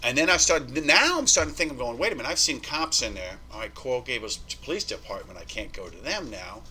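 Bright-voiced man telling a profane story. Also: mid-range voice, fast talker, slightly rough, low-quality recording. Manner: animated, profane, acts out quoted dialogue. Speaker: podcast guest. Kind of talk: casual storytelling.

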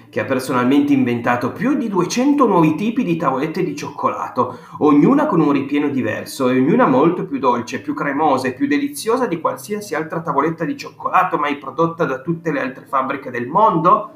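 A man voicing an excited ninety-six-year-old grandfather who tells stories with eager, emphatic exclamations, in a roomy audiobook recording with faint guitar music. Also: fairly high pitch, a little fast, hardly any pauses, voice pushed up. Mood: enthusiastic.

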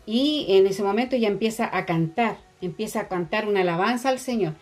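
A woman's voice: mid-range voice, a little fast, a little mellow. Woman telling a testimony. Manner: storytelling, hesitant with fillers. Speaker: radio co-host.

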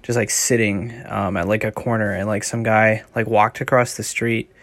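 A man's voice: on the low side, level tone, normal speed, a bit bright, no room sound. A man hosting his own podcast, talking in a loose, rambling monologue full of "like" and out of breath. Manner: rambling, heavy use of filler "like". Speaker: podcast host.

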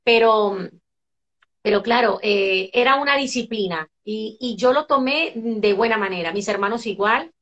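A middle-aged Venezuelan woman talks as a guest in a relaxed interview, her voice sitting a little high. She tells her stories with animation, circling back through fillers and restarts as she goes. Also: normal speed, highs cut off. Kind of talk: casual conversational interview.

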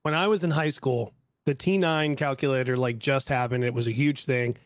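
A man from Texas hosting a casual podcast chat, telling stories with lively acted-out quotes and frequent laughter. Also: medium pitch, normal speed, dry recording, studio quality. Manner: animated, laughing storyteller who acts out quotes. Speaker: podcast host.

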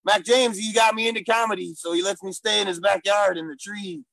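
A man puts on a gruff male gorilla stand-up comic with a gravelly, rough voice. He talks in broken English, bragging and silly, with loud bursts on the jokes. The sound is close and dry. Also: high-pitched, a little fast, dry recording, exaggerated voice. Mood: boastful. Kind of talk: improvised comedy character interview.

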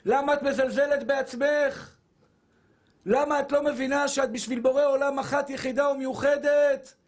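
A man preaching a Torah sermon as a rabbi, fervent and shouting, repeating phrases for emphasis and calling listeners his brothers. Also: very high voice, fairly even intonation. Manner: addresses listeners as brothers and dear souls.

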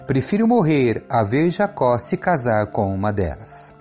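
Guy reading a worried mom warning her son, urgent and earnest, lively pitch, faint music. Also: a little slow, highs cut off.

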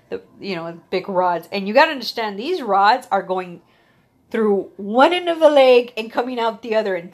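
Young woman, personal story, blunt and profane, laughs often, animated quotes. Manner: candid, swears freely, laughs at her own story; animated, acts out quoted lines with big pitch jumps.

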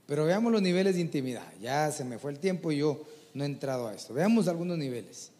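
A man preaching a folksy, animated sermon to a church congregation. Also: fairly high pitch, fast talker, long reverb tail. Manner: animated, folksy, mimics people he talks about.

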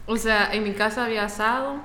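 Young woman, bright sharp voice, playful and laughing, echoey room with a little hum. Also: a little high, steady tone, quick pace. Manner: laughing, playful, acts out quotes. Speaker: co-host. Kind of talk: casual storytelling chat. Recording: echoey room with faint ambience.

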